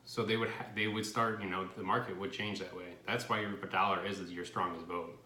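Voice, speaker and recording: A man's voice: low voice, steady tone, fairly quick, pushed and bright. A man chatting earnestly on a casual vlog, repeating his point. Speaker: guest, boyfriend. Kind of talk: casual chat. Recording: echoey room, faint noise.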